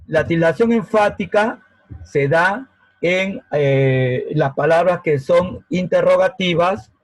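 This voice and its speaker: A man's voice: high voice, takes it slowly, dry recording, low-quality recording. A man teaching a grammar lesson over a video call, patient and often checking that students follow. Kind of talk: online grammar class. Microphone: laptop mic on a video call.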